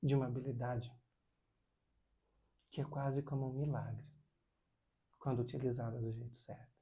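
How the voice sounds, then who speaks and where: A man voicing a calm, wise older male monk who speaks slowly and softly. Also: medium pitch, lightly acted. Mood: earnest. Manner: slow, soft, measured speech.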